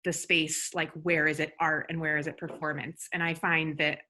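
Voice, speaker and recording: A woman photographer asking questions in a relaxed conversation, thinking aloud in halting phrases full of "like" and "um". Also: low voice. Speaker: photographer, interviewer.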